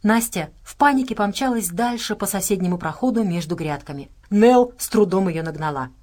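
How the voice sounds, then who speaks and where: A woman narrating an audiobook in an even, measured reading style. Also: medium pitch. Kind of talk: scripted narration.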